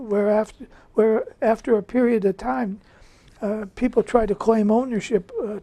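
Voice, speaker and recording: Dark-voiced woman leading a Bible study. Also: medium pitch. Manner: reads scripture aloud then explains it conversationally, with frequent fillers. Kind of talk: informal Bible study teaching.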